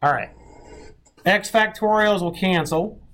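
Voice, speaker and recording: A man's voice: sits high, a little slow, a bit bright, slight background noise. A male math instructor giving a classroom lecture, thinking aloud and often checking in with his students.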